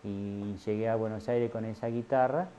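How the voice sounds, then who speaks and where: A man's voice: lowish voice, fairly even intonation, normal speed, dark tone, slight background noise. A middle-aged man from Santa Fe with an Argentine accent, telling his story as an artisan with many fillers and restarts. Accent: Argentine Spanish. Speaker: filete artisan. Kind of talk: casual interview testimony. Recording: dull lo-fi audio.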